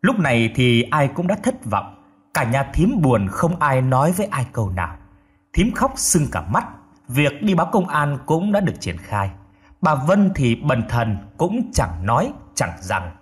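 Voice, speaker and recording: A man narrating an audiobook in a somber, expressive way. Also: mid-range voice, measured pace, breathy edge.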